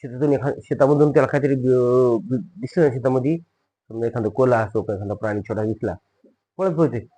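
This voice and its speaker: A man teaching spoken English, who says each phrase slowly and repeats it. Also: mid-range voice, mellow, poor audio.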